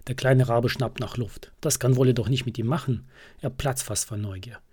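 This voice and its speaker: A man reading a children's storybook aloud as narrator, calm and storytelling, close to the mic. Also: mid-range voice, moderate pace, slightly rough.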